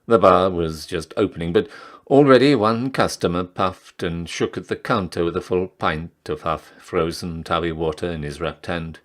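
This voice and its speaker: Deep-voiced man, declamatory town crier delivery. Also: normal speed. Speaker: reader of a literary story. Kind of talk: dramatic literary reading.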